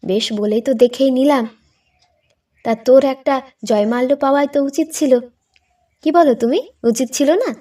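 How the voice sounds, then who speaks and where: A woman voicing a lively, bossy young woman who teases and pushes others along, in a spoken storybook reading. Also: high voice, far from the mic. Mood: eager, teasing. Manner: eager, teasing, quick to push.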